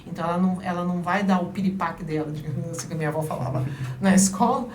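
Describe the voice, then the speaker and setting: A woman's voice: fairly low pitch, racing. Woman explaining parenting, roomy distant sound. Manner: explanatory, emphatic, lively. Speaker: guest, parenting advisor. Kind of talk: interview conversation. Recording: roomy, distant mic, faint noise.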